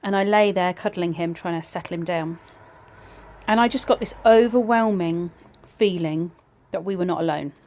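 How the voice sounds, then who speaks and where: A woman casually telling a personal ghost story in a reflective, slightly hesitant way, pausing between short phrases. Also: on the low side, a little mellow.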